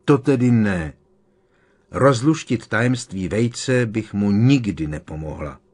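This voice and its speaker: A man voicing an indignant, sharp-tongued clever teenage girl witch in an audiobook reading. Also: on the low side, expressive, husky.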